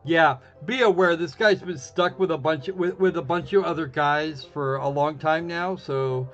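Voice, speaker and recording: Pitched on the high side and speaking at normal speed, this man chats sarcastically and casually as he streams a visual novel, frequently starting sentences over. The dull lo-fi mic picks up faint game music in the background of his livestream commentary.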